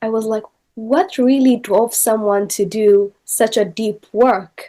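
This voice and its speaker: A woman's voice: a little high, normal speed, warm tone. A woman interviewing a filmmaker in a conversational, appreciative way.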